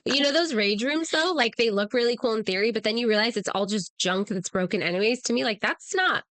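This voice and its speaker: A woman's voice: on the high side, brisk, fairly bright tone, no room sound. A woman in her thirties co-hosting a podcast in casual chat, outspoken and emphatic. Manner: outspoken, emphatic, self-deprecating. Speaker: podcast co-host.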